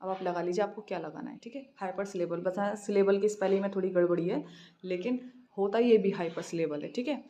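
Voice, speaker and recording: An Indian woman teaching English literature in an exam practice lesson, reading each question slowly and then explaining quickly in a mix of Hindi and English. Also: medium pitch, warm tone, lo-fi sound. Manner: repeats "theek hai" after each answer.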